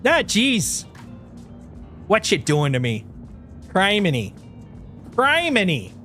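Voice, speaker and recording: Slow and high-pitched, this Wisconsin streamer chats casually with his live audience, faint music in the background. His voice has a touch of nasality and an exaggerated Upper Midwest accent, and he keeps things animated with jokes, frequent laughs, and hammy folksy exclamations.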